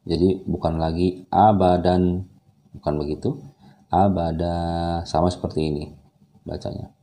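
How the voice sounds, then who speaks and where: A man's voice: rumbling low, fairly even intonation, fairly quick, gravelly, mellow, a little hiss or hum. A man with an Indonesian accent teaching Quran reading step by step, over-enunciating and drawing out example syllables. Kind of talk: step-by-step recitation lesson.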